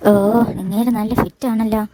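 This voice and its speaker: A woman voicing a sharp-tongued wife who nags and scolds her husband in a fan audio drama. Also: fairly high pitch, little pitch movement, measured pace, lightly acted. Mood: scolding. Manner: nagging, scolding.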